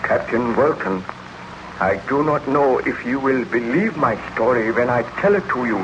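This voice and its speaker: Over a dull, noisy 1930s radio recording, a man acts out a haunted baron and scientist. His rather high voice moves dramatically up and down. He confesses with solemn, declamatory remorse in old horror serial style. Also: animated, normal speed, lightly acted. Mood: solemn, brooding.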